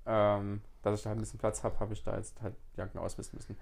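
A man's voice: lowish voice, completely flat delivery, quick pace, vocal fry, a little mellow. A man in his mid-twenties co-hosting a podcast, chatting casually and stumbling over his words. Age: 20s. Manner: hesitant, repeats words. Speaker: podcast co-host. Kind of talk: casual chat.

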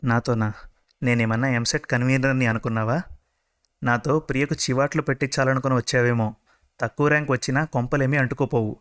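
A man voicing a kind, patient middle-aged mother in a told story, speaking gently and reassuringly. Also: medium pitch, fairly even intonation, brisk, clean tone, close to an everyday voice.

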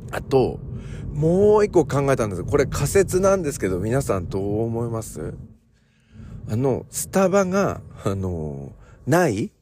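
A man hosting a casual solo morning podcast, chatty and digressive, joking along and filling pauses with lots of fillers. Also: medium pitch, a little mellow, slight background noise. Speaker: podcast host.

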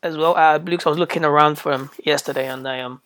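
A British host chats through a casual podcast, his throat still a little hoarse from being ill. He rambles along in a flat, even tone with hardly any rise or fall, trips over his words and repeats them, and drops slang as he goes. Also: medium pitch, fast. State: hoarse, recovering from illness.

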